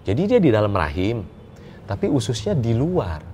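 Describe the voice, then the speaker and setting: Low-voiced joking business coach. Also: male voice, moderate pace, a little hiss or hum. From Indonesia. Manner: lively, joking storyteller who chuckles often and slips in English words. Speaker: business coach, interview guest. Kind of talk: casual interview storytelling.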